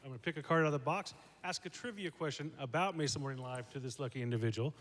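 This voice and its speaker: A man's voice: mid-range voice, racing, a bit bright. A man giving podium speech as a sponsor, plugging and explaining things to an audience. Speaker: segment sponsor and quiz presenter. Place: stage in a hall with an audience. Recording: reverberant hall, crowd and noise.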